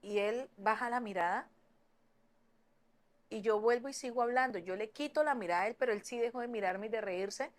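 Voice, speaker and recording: A young woman telling a personal story in an earnest way, with halting restarts and fillers. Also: fairly high pitch. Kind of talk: personal story told to camera.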